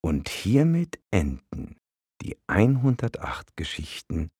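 A man narrating a storybook-style audiobook in a measured, expressive way. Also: deep voice, husky, dry recording, studio quality.

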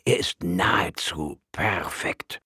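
A man's voice: sits low, slow, sharp tone, slightly rough, no echo, clean studio sound, heavily acted. A man doing a sly old monk. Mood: sly praise. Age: older. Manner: sly, praising with a catch. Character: mischievous old male monk, gap-toothed.

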